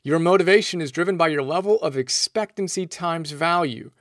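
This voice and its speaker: Man, motivational book-summary narration, earnest, slightly high voice, dry close mic. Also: fairly quick, fairly bright tone, no room sound. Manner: earnest, motivational, reads quotes aloud. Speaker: host summarizing books.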